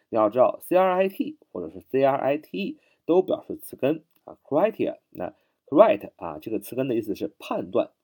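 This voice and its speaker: A man's voice: mid-range voice, darkish tone. A man teaching English vocabulary in a spoken lesson, spelling words out letter by letter and repeating them patiently. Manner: patient, repetitive, ends phrases with drawn-out particles.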